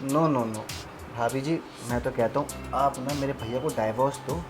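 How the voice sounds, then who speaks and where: A man's voice: mid-range voice, moderate pace, music in the background, natural voice. A young man playing a pushy brother-in-law who coaxes and wheedles in a melodramatic short film. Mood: coaxing. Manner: coaxing, wheedling.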